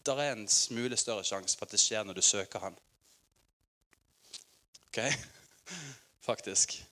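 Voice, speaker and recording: A Norwegian man in his forties preaching a sermon in a church, telling stories with lively energy and laughter. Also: on the low side. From Norway. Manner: lively storytelling with laughter, acted quotes.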